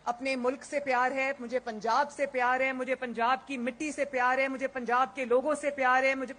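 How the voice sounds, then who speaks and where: Impassioned woman shouting a rally speech. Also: high-pitched. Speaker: politician.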